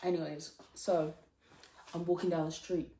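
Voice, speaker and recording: A woman's voice: deep voice, level tone, moderate pace, warm tone, slight background noise. A young woman casually telling a story, giggly and rambling with lots of fillers. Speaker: vlogger. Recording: echoey room, distant mic.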